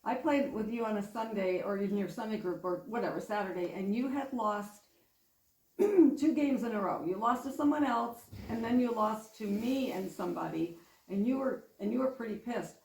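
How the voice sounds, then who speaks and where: A woman's voice: mid-range voice, normal speed, darkish tone. A woman hosting a casual podcast, chatty, often stumbling and repeating words as she talks. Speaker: podcast host. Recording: echoey room, mic at a distance.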